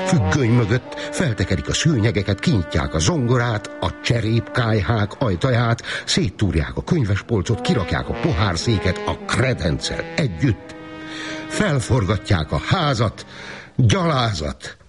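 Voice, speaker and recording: Deep-voiced man telling a bedtime story. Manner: playful, rhythmic rhyming delivery. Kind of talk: children's bedtime story narration. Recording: music playing underneath.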